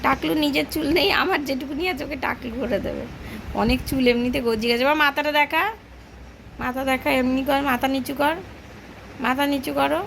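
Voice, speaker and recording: A woman in her thirties with a Kolkata Bengali accent, chatting casually at home for her vlog about her baby, her voice a little hoarse. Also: sits high, steady tone, a little fast, fairly bright tone. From West Bengal, India. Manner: chatty, sing-song with her child. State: hoarse from shouting. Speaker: vlogger and mother. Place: home, indoors. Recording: noisy home phone recording.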